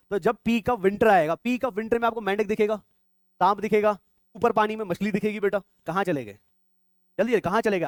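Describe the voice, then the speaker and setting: Here a young adult man with a high voice teaches biology to exam-prep students, firing questions at them nonstop and calling them "beta." The recording is dry, and it plays out as a classroom lecture.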